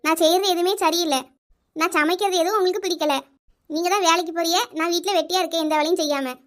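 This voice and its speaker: Shrill, quick-talking housewife, as a woman plays her, indignant, comic skit. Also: steady tone. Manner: shrill, quick, arguing back. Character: indignant village housewife defending her cooking. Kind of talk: comic village skit acting.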